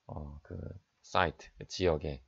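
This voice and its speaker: A man's voice: extremely low pitch, steady tone, slow, vocal fry, slightly rough, muffled recording. A man teaching an exam-prep English lesson, reading each English phrase aloud, translating it, and answering his own questions. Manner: explains sentence by sentence, reads English then translates; frequent "자" fillers, asks and answers own questions.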